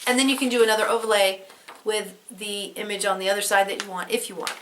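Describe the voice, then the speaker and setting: Talking fast in a steady, mid-range voice over background noise, this craft vlog host has a head cold and her voice is fading. She rambles chattily while showing her work in a casual show-and-tell, full of fillers and restarts, candid and casually swearing.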